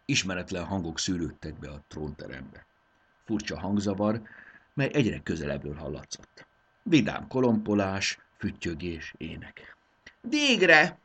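A man reading a storybook aloud as narrator, in an expressive storytelling manner. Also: sits low, breathy edge.

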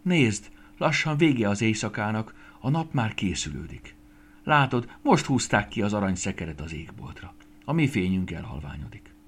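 A man voicing a shy, friendly little girl star in a storybook, bashful but bright when surprised. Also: lowish voice, very animated, a little hiss or hum. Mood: wistful.

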